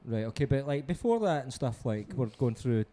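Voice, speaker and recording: A man's voice: mid-range voice, big pitch swings, fairly quick, warm tone. A man as a quiz contestant on a casual podcast, chatty and swearing, arguing over his answers.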